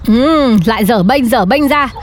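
A woman's voice: on the high side, unhurried, natural voice. A woman playing an exasperated middle-aged mother who scolds her teenage daughter in a comedy sketch.

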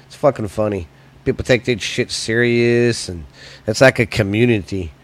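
At a moderate pace and fairly low pitch, an American man hosts his own podcast of blunt, loose, profane comedy chat. There's a slightly weak, stuffy quality to his voice.

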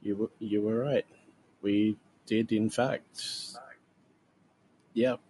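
A man's voice: lowish voice, fairly even intonation, slow, dark tone, slight background noise, poor audio. A man voicing an awkward, earnest young woman adventurer who speaks hesitantly and stumbles over words.

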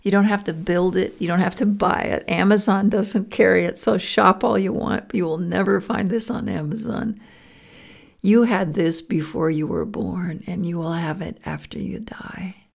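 A woman teaching a guided meditation, speaking slowly and softly, often dropping into a breathy whisper. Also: medium pitch.

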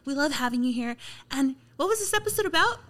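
A woman's voice: sits high, lively intonation, quick pace, fairly bright tone. A woman hosting a podcast, chatting casually in a playful, teasing way. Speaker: podcast host. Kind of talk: casual chat.

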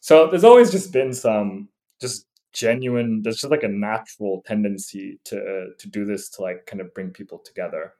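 A man in his thirties from Nepal, a podcast guest, chatting casually with many fillers in quick bursts. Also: lowish voice, warm tone. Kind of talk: casual interview chat.

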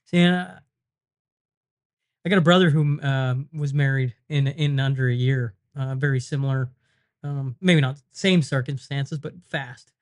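A man's voice: mid-range voice, steady tone, measured pace, no echo, studio quality. A man from Canada, a guest in a podcast interview, speaking reflectively with hesitant fillers. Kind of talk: casual interview chat. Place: studio.

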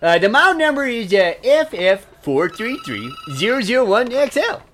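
Man acting a high-pitched, flustered older husband. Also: sing-song, moderate pace, a bit bright, slight background noise, exaggerated voice. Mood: exasperated. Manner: muddled, stammering, easily exasperated. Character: flustered, forgetful, long-married older male customer. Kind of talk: acted comedy phone call.

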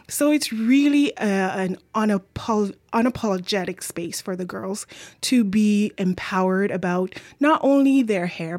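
A woman with a light Jamaican accent, a community mentor and author, answering interview questions earnestly, with pauses and restarts. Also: mid-range voice, a little mellow, dry recording.

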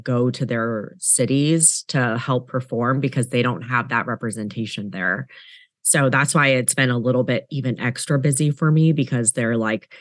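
A woman's voice: extremely low pitch, no room sound. Chatty upbeat woman, dry close sound. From United States, born in Los Angeles, raised in Seattle. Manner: chatty and upbeat, laughs often, many "like"s and run-on sentences. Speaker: guest comedian. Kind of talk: casual interview chat.

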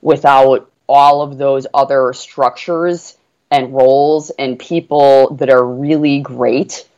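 A woman's voice: extremely low pitch, fairly even intonation, takes it slowly, darkish tone, lo-fi sound. A woman speaking as a podcast guest about her work, earnest and enthusiastic, with frequent fillers. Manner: earnest, enthusiastic, many "you know" fillers. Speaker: guest, portfolio manager. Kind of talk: business podcast conversation.

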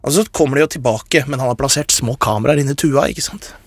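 A man's voice: medium pitch, slightly rough, no echo, studio quality. A man hosting a radio show, explaining science in a casual chat and getting carried away with enthusiasm. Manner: enthusiastic, gets carried away and talks fast.

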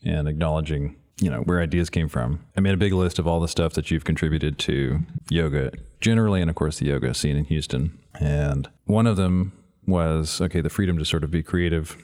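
A man, hosting a podcast. His voice sits very low, and he talks in a relaxed, conversational way, putting questions to his guest. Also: a little fast, hardly any pauses. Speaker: podcast host. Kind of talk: casual interview chat.

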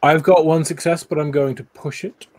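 A man's voice: on the high side, steady tone, moderate pace, a little mellow, slight background noise. A man playing a tabletop roleplaying game, chatting casually as he describes his moves. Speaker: player.

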